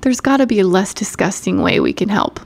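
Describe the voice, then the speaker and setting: A woman's voice: medium pitch, wildly swooping pitch, brisk, creaky, exaggerated voice. A woman voicing a bratty teen girl who whines and makes sarcastic remarks. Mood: grumbling.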